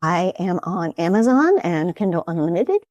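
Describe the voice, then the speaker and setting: A woman's voice: lowish voice, very animated, normal speed, darkish tone, no room sound. A woman author speaking as an interview guest, rambling and explaining at length. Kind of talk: casual interview chat.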